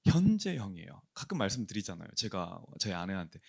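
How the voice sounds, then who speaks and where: A male pastor preaching a sermon to a young adults' congregation. He poses questions and answers them himself, and he slows and softens his voice when quoting. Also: medium pitch, very animated. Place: church.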